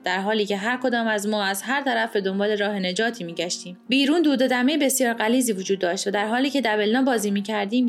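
A woman reading a literary short story aloud in a measured, literary manner. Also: fairly high pitch. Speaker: audiobook narrator. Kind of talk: scripted narration of a short story. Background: faint music.

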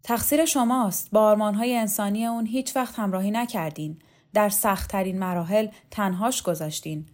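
A woman's voice: medium pitch, darkish tone, lightly acted. A woman reader voicing an earnest, indignant young man who accuses and defends ideals in an audiobook. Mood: accusing.

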